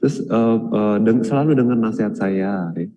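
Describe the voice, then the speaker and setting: A low-voiced monk gives a calm dharma talk, his tone mellow and dark. He retells a story with many pauses and fillers. The sound carries a long reverb from a large hall. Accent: Indonesian. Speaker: Buddhist monk answering questions.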